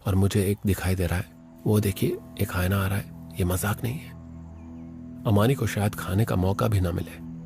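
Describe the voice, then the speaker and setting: Guy doing dubbed wildlife doc narration, kinda low voice, excited play-by-play, music going loud behind. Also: moderate pace, gravelly. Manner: excited commentary on the chase.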